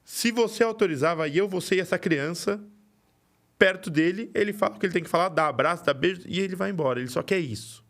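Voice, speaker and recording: A man's voice: sits high, fast talker. A man hosting a podcast, telling a story in casual chat and acting out the voices in it. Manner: animated, acts out quoted dialogue. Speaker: podcast host.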